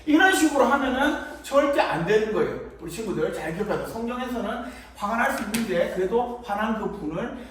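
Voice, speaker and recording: Animated man preaching to kids in an echoey hall. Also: sits high, brisk, hardly any pauses. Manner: playful, acts out little scenes. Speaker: children's preacher. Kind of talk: children's sermon. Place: church hall. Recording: echoey room, mic far off.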